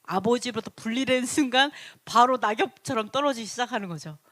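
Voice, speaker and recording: A woman teaches a Bible lesson with a fairly high voice. She talks in an animated way and acts out the speech she quotes. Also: fairly quick.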